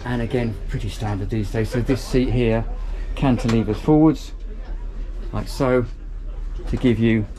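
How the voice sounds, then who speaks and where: A man's voice: mid-range voice, fairly even intonation, a little slow, crowd noise. A man casually walking a camera through a boat, chatty and upbeat, thinking aloud as he goes. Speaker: boat reviewer giving a walkthrough tour. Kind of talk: casual walkthrough vlog. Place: outdoors on a marina pontoon and inside a small motor boat cabin.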